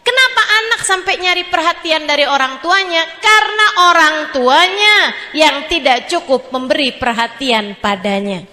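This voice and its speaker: High bright-voiced woman preacher. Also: expressive, big-room sound. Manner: playful, mimics audience questions and answers them herself; drops to slow hushed tones in prayer. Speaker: Islamic preacher. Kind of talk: sermon.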